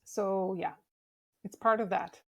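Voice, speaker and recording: A woman's voice: mid-range voice, slow, vocal fry. Candid young Czech woman guest. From Czech Republic. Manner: relaxed and candid, with frequent restarts and laughs. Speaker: interview guest. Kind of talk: casual conversational interview.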